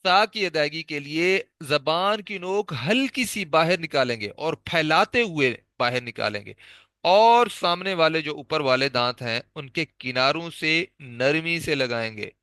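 Bright, clear-voiced male tajweed teacher. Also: fairly high pitch, animated, no room sound, studio quality. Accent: Pakistani Urdu. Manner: patient, repeats letters slowly for drill. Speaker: Quran recitation teacher. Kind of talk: tajweed lesson.

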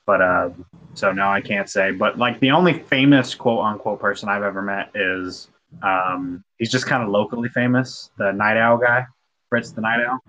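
A man's voice: lowish voice, steady tone, moderate pace, bright, forceful tone, poor audio. A man co-hosting a casual podcast, throwing in dry joking asides. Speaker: podcast co-host. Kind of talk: casual chat.

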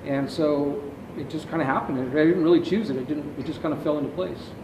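The speaker is a middle-aged man, a company founder, whose voice is on the high side, fairly even in intonation, and fairly quick. Gesturing with his hands, he explains at length in response to interview questions. The setting is a large indoor warehouse with shelves, and the distant camera yields echoey, dull audio with background noise.

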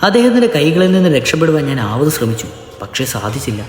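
A man voicing a frightened young servant woman who tells in a trembling, soft-spoken way what happened, in a storybook reading. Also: on the high side, sing-song, fast talker, faint music behind. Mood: shaken. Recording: echoey narration with long reverb.

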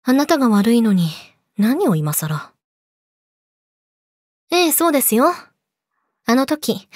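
A young woman playing a yandere girlfriend in a role-play audio drama, politely sweet, possessive and menacing, slipping into breathy whispers, close to the mic. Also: fairly high pitch, darkish tone, no room sound. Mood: quietly angry. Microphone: close studio mic, dry.

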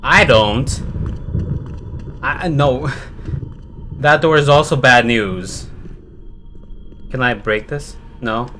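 A man's voice: mid-range voice, drawn-out words, long pauses, bright, forceful tone, a little hiss or hum. A man streaming a horror game live, talking to himself and cursing in panic as he plays. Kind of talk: live gameplay commentary.

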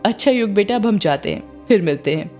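A woman's voice: mid-range voice, expressive, brisk, darkish tone, soft background music, natural voice. A woman voicing a scheming middle-aged mother who talks in a sweetly evasive, coaxing way, as in a storybook reading. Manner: coaxing, falsely affectionate.

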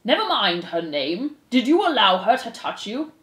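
A woman voicing a stern old male head mouse who speaks slowly and formally, as in a storybook. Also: medium pitch, sing-song, a bit bright, reverberant. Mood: stern, solemn. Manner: slow, formal, commanding delivery.

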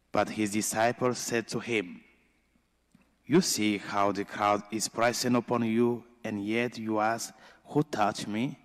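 Slow, low-voiced priest in a reverberant church. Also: male voice. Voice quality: slow, deliberate delivery with pauses. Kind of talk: gospel reading and homily. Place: large church.

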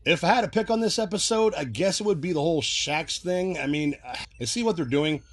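A man hosting a casual recap video, chatty and quick to laugh as he explains references. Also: a little high. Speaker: video host.

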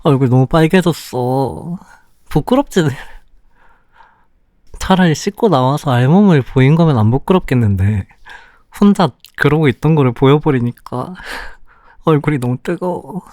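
A young man playing a sulky, clingy boyfriend in a whispered role-play, speaking softly and pouting close to the mic. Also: fairly high pitch, lively intonation, dry recording, natural voice. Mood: embarrassed, sulky. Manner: slow, soft, close-up ASMR delivery with pouty complaints.

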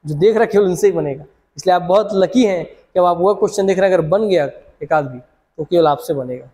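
A man's voice: high voice, darkish tone, in a large hall. A man teaching an online exam-prep class, urging viewers on and repeating questions and answers.

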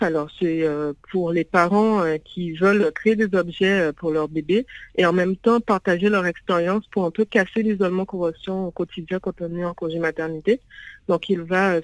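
A woman whose first language is English speaks at a moderate pace with a fairly low pitch on a low-quality phone call with no echo. Appearing as a guest in a phone interview about the parents' venue she founded, she hesitates and fills pauses heavily.

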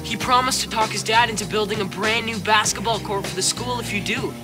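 A man's voice: sits high, a little fast, over music, lightly acted. A teenage male actor playing a pushy, defensive schoolboy with a persuasive manner in a TV comedy. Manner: persuasive, animated. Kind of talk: TV teen comedy acting. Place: indoor film set.

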